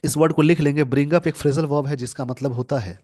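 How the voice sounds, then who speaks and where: This English teacher, a man with a fairly high, dark-toned voice and fairly even intonation, explains a newspaper editorial to students preparing for exams. After slowly reading each English sentence, he explains every word and tells viewers what to note down and keep in mind.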